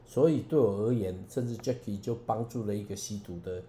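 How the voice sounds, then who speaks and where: A man, a preacher and songwriter giving an earnest, halting personal testimony as a radio guest, with many restarts. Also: lowish voice, dark tone, echoey room, slight background noise.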